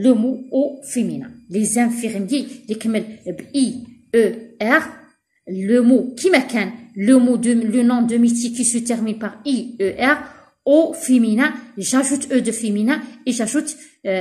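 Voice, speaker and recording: A woman with an Algerian Arabic accent gives a recorded revision lesson for primary pupils. She explains in dialect, slowly dictates French sentences and spells word endings letter by letter. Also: on the high side, a little mellow. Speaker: primary school teacher.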